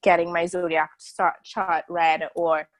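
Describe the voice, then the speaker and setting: A woman's voice: on the low side, little pitch movement, a little slow, dry recording, poor audio. Candid thirty-something woman on a video call. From a small island country. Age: 30s. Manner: candid, rambling, with many fillers and restarts. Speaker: interview guest. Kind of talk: casual video-call conversation.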